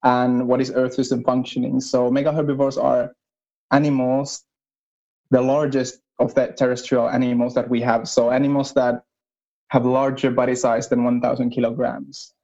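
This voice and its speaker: Young man, Finnish accent, mellow dark tone, measured explaining, muffled lo-fi audio. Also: mid-range voice. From northern Finland. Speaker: guest, PhD researcher. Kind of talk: casual interview.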